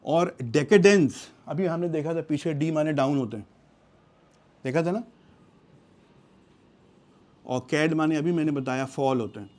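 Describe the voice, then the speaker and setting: A middle-aged man teaches vocabulary in a fairly high-pitched voice. He explains terms patiently and reads English example sentences out slowly. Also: darkish tone. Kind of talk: explanatory lesson.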